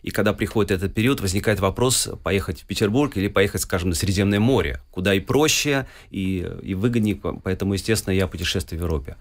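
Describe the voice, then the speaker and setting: Guy in his 40s from russia, lowish voice, chatty interview guest, lots of umms as he tells his story. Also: fast talker, hardly any pauses. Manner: discursive, with frequent hesitations. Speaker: guest musician.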